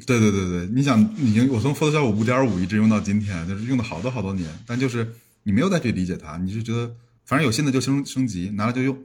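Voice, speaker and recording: A man's voice: lowish voice, lively intonation, fast talker, few pauses, darkish tone, breathy edge. A man around forty, a podcast guest, talking casually and reflectively with frequent restarts. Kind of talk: casual conversation.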